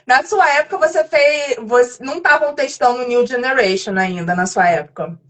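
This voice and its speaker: A woman hosting a casual live chat about nursing exams, talking in a chatty, lively way. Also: on the high side, moderate pace. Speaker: host of a nursing channel.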